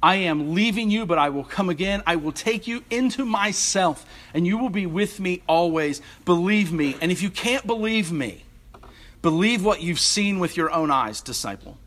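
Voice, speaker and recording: Guy preaching a sermon, bright tense voice, a bit high, earnest and repeats stuff softly. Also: animated, moderate pace. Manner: earnest preaching, soft emphatic repetitions. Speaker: assistant rector.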